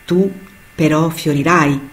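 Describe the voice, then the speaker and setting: A woman's voice: low-pitched, fairly even intonation, slow pace. A woman voicing a young, curious female cloud in a storybook tale, with an eager, wondering manner.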